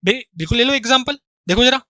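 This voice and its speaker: A man teaches an exam-prep grammar lesson in a bright, sharp voice, recorded close and dry with no room sound. He keeps asking his students rhetorical questions and repeats each point. He talks to them familiarly as brothers and acts out their doubts. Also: extremely high pitch, fast talker, dry recording. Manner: explains through rhetorical questions and repetition.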